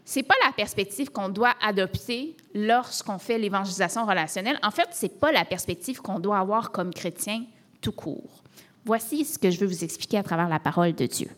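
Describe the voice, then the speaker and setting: A woman pastor from Canada, with a Québécois French accent, preaches a sermon at a middle pitch. She keeps it conversational, asking rhetorical questions and tossing in casual tags as she explains. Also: moderate pace, a bit bright.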